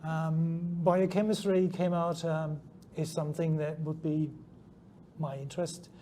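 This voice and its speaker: This scientist guest, German-born but speaking with a New Zealand accent, is a middle-aged man whose voice is a little high and dark in tone, level and a little slow. He fumbles through interview answers with ums and restarts, faint background noise from the conference venue audible.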